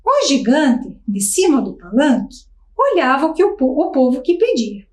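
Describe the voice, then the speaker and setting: A woman's voice: sits high, sing-song, normal speed, darkish tone, reverberant. A woman teacher reading a children's story aloud, switching voices for the characters.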